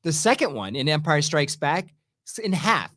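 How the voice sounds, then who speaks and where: A middle-aged man co-hosting a podcast in casual chat, animated and jokey. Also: a little high, moderate pace, dry recording, studio quality. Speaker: podcast co-host.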